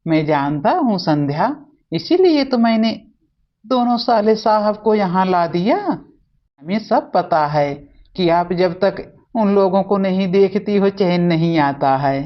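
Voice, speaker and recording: A woman's voice: medium pitch, animated, takes it slowly. A woman voicing a kind young husband in a family cartoon, speaking soothingly. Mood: calm. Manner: soothing, reassuring. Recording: dull lo-fi audio.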